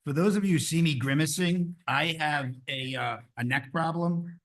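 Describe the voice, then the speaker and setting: A man chairing a town council meeting in a council chamber, brisk and informal. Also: a little high, fairly bright tone.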